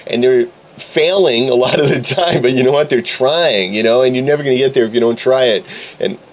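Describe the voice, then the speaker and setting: A man from Michigan, a martial arts author chatting as a radio studio guest, animated and joking. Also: medium pitch, a little fast. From Grand Rapids, Michigan, USA. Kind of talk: casual radio talk show chat.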